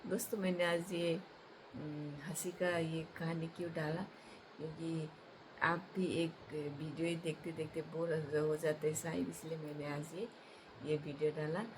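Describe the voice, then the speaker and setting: A woman telling a comic folk tale in a casual, halting way, with many fillers and restarts. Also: low-pitched, little pitch movement, background noise. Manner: halting, with many fillers and restarts, laughing at her own jokes. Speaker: storyteller, channel host.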